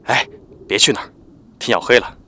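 A man's voice: brisk, bright, forceful tone, slight background noise, natural voice. A man voicing a tense young man who pleads in agitation, with music behind. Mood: agitated. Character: tense young man, a cornered undercover agent.

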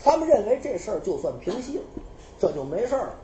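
A lively woman storyteller with a Beijing accent spins a classical tale, her pitch swinging widely as she narrates. A faint room hum stays in the background. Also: fast talker, reverberant. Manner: animated, lively, colloquial. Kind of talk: traditional storytelling performance.

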